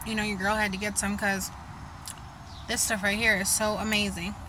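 Against a noisy background, a young woman films a grocery haul vlog on a handheld camera, starting in a parked car before moving to her kitchen. She chats casually and gets excited about the food, speaking at a moderate pace in a level, mid-range voice.

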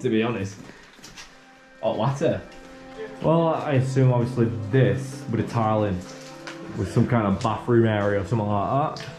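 A young man with a casual, swearing commentary, exploring a dark abandoned building on a handheld camera. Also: medium pitch. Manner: chatty, swearing, quick running commentary. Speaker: urban explorer host. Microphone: camera held at arm's length. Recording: music playing under the voice.

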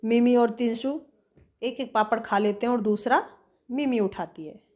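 A woman teacher reading a story aloud for a class lesson, in an expressive storytelling manner. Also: a little high, measured pace.

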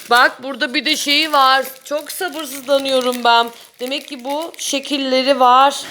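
Young mom w a high bright voice cooing at her little kids, bit of hiss behind. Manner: cooing, coaxing talk to small children. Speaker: mother filming her children. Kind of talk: casual family vlog.

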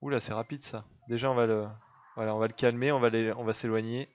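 A man's voice: mid-range voice, fairly even intonation, quick pace, highs cut off. A young man giving casual gameplay commentary, chatting and teasing his game pet. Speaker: let's play gamer.

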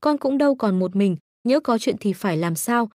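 A woman's voice: mid-range voice, expressive, moderate pace, a little mellow, dry recording, clean studio sound, lightly acted. A woman voicing a kind older housekeeper aunt who soothes and fusses. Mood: soothing. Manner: soothing and fussing.

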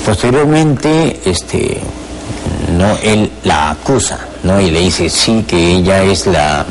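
Being interviewed in a television studio, a deep-voiced middle-aged former lawyer with a Peruvian Spanish accent speaks hesitantly, with many fillers and repeated words. Slight background noise is audible.

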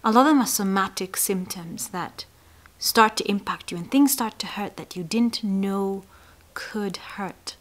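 A woman psychologist explaining a mental health topic to camera, speaking emphatically and dropping to soft, breathy asides on key points. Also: mid-range voice, unhurried. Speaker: psychologist hosting an educational channel.

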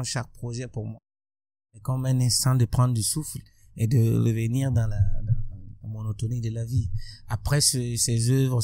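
This man from Burkina Faso, a musician guest, talks reflectively in an interview with stop-and-start phrasing and many restarts. His gravelly mid-range voice is a little mellow, with a dry, close sound from a boom-arm studio mic in a bright room with plants and large windows.

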